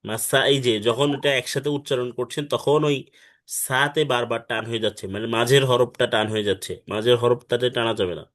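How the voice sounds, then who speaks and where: A man teaching Quran reading over an online call, patiently correcting students and slowly demonstrating each syllable. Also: medium pitch, steady tone, a bit bright. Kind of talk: online tutoring. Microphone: online video call.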